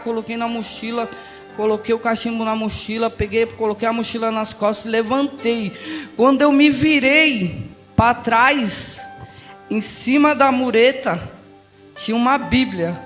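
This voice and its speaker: A young Brazilian man giving an emotional church testimony, passionate and swinging between hushed and loud. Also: very high-pitched, steady tone, a little slow. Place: large church hall. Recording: reverberant church hall with music.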